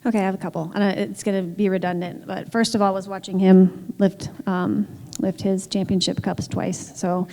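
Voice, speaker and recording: A woman's voice: mid-range voice, little pitch movement, moderate pace, few pauses, warm tone. Candid woman executive in a hall. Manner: candid, emphatic, heavy on filler words. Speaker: team executive. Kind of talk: panel discussion. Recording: long hall reverb.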